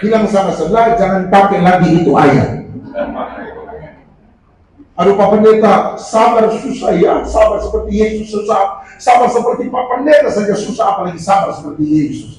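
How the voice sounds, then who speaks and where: Shouting pastor in an echoing hall. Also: male voice, sits high, normal speed. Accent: Indonesian. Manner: animated preaching, often shouting for emphasis, acting out quoted voices. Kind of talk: sermon. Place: church prayer meeting hall. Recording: distant, very echoey hall with faint noise.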